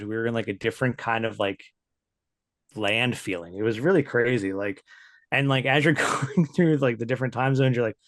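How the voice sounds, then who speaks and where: A man chatting as a podcast guest in a relaxed, rambling way. He peppers his talk with fillers and laughs easily. His voice sits at a middling pitch, recorded close and dry. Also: no echo. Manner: loose and chatty, many "like" fillers, laughs often. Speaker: podcast guest, writer and editor. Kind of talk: casual interview chat.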